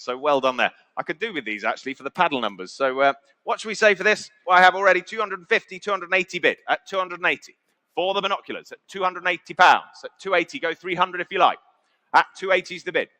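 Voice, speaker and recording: A man's voice: fairly high pitch, sharp tone. A British man working as an auctioneer, calling bids in a conversational way and repeating the figures. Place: auction sale room.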